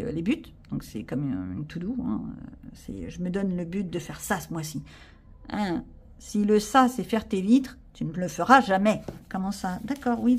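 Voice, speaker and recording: Chatty French woman with a mellow voice. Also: medium pitch. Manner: chatty, self-mocking, lots of fillers. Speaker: vlogger showing a craft haul. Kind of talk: casual chat to camera.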